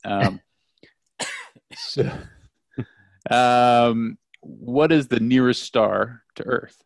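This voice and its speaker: A man hosts a podcast quiz in a relaxed, joking way. His voice sits in an ordinary middle range. The recording is close and dry with no room sound. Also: medium pitch, drawn-out words, vocal fry, no room sound. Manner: playful quizmaster, laughs often. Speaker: podcast host running a trivia quiz. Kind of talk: casual chat among friends.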